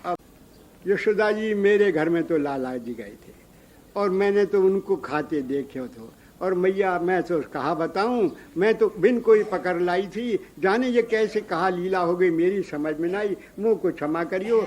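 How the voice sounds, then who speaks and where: A man's voice: high voice, unhurried, darkish tone. A man voicing a bold, talkative young village bride in a devotional story. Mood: apologetic.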